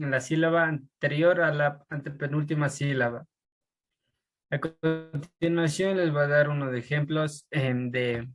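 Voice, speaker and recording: A man presents to his class in a slightly high voice. He reads through word lists steadily, with pauses and filler sounds between items. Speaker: student presenter.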